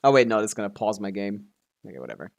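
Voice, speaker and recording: Quick and sing-song, his fairly low voice has a gravelly edge as he plays a video game on a livestream. The talk is loose, rambling gaming chat with viewers, full of complaints and profanity.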